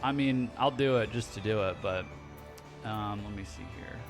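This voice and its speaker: A man's voice: fairly low pitch, moderate pace, music in the background. A man streaming a game, chatting casually, reacting and reading chat aloud.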